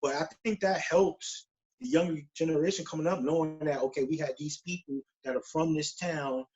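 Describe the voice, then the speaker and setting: Over dull lo-fi call audio, a guest drummer aged forty talks slangily and casually in an interview, repeatedly asking "you know what I'm saying." He sounds a little high, a little fast, and a little mellow.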